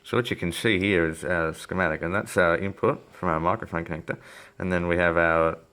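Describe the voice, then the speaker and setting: A hobbyist presenter, recorded on a phone aimed at his workbench, rambles hesitantly through an unscripted electronics repair as he thinks aloud. He has a low voice with a steady, sharp tone and a brisk delivery.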